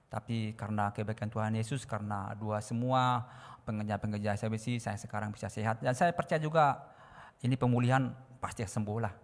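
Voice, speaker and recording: A man's voice: lowish voice, steady tone, brisk, gravelly, big-room sound. Fervent man giving a church testimony. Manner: fervent, shouting prayers loudly at times. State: recovering from illness. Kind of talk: sermon testimony.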